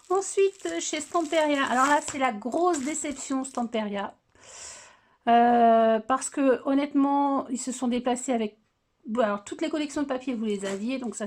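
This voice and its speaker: In a mid-range, darkish voice, a middle-aged scrapbooking vlogger talks casually while displaying her craft buys on her video channel. She speaks hesitantly, with many restarts and filler sounds.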